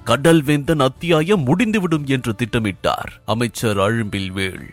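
A man narrating a historical novel aloud in an expressive, dramatic reading. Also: mid-range voice, normal speed, faint music behind.

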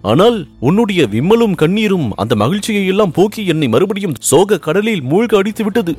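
Brief: man doing a lovesick young prince, earnest and pleading, higher than his own voice. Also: animated, a little fast, husky, soft background music. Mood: anguished. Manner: earnest, pleading, rising with emotion. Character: young Pandya prince, ardent and anxious lover.

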